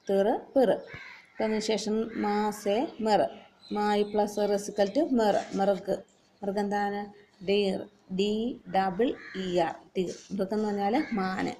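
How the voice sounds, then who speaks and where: A woman teacher with a Malayali accent giving a recorded online lesson for young children, slowly explaining and repeating words and spellings for them to copy. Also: medium pitch, flat delivery, mellow, slight background noise. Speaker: primary school Hindi teacher.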